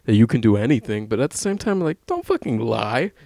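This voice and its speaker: A man's voice: medium pitch, big pitch swings, a little fast, vocal fry, dark tone. Casual, swearing young man. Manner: rambling, swears a lot, laughs often. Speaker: podcast co-host. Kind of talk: casual chat.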